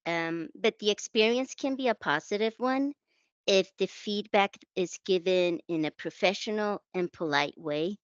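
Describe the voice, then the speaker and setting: A guest translator from the Canary Islands tells stories about her work in a conversational interview, reflective and self-deprecating. She speaks English as a second language with a Spanish accent, at medium pitch and a little slowly. The recording is dry and lo-fi.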